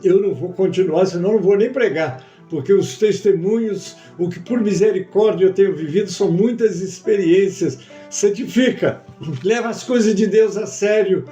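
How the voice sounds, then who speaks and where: A man preaching as a pastor, telling a testimony and acting out the dialogue in a lively storytelling manner. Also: high voice, moderate pace, faint music behind. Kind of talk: sermon testimony. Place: church.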